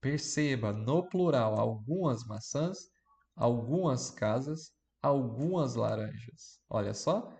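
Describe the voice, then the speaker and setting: A man's voice: mid-range voice, expressive, slow pace, a little mellow. A Brazilian man teaching an English grammar lesson, explaining step by step and often checking in with the class. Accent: Brazilian Portuguese. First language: Portuguese. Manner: plays the student asking questions, then answers.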